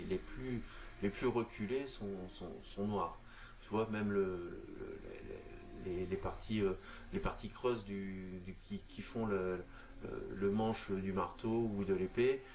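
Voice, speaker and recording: A man talking through a miniature painting tutorial in a casual, halting way, full of fillers and restarts. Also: on the low side, a little mellow, a little hiss or hum. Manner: hesitant, lots of fillers and restarts, addresses viewer informally.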